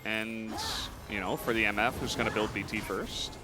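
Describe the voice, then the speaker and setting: A young man giving live esports color commentary, animated and quick to laugh at the banter. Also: fairly low pitch, over music. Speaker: esports caster.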